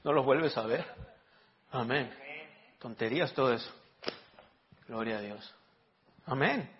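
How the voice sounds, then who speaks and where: Lively preaching man, muffled sound. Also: medium pitch, measured pace. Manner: lively preaching with frequent amens and rhetorical questions. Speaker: pastor. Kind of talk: sermon.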